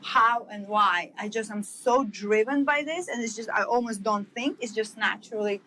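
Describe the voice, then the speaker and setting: A woman's voice: mid-range voice, moderate pace, pushed and bright, a little hiss or hum, low-quality recording. A woman from Estonia, a guest telling her story eagerly in a casual interview, with many fillers. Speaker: guest, wellness entrepreneur.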